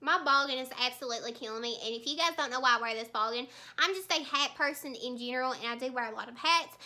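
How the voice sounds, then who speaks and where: Young female beauty vlogger, high pitch, chatty and heartfelt, full of fillers and restarts. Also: quick pace, pushed and bright. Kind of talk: casual chat while doing makeup.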